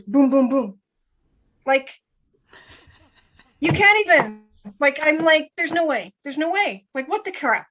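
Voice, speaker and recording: Woman, interview guest, high-ish voice, animated storytelling, repeats words, muffled lo-fi recording. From Canada. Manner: animated, repeats herself, acts out quoted voices.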